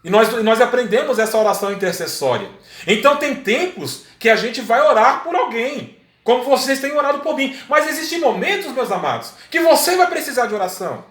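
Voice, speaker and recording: A man with a Brazilian Portuguese accent preaching a sermon, swinging between loud exhortation and quiet asides. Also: very high-pitched, sing-song, fairly quick, reverberant.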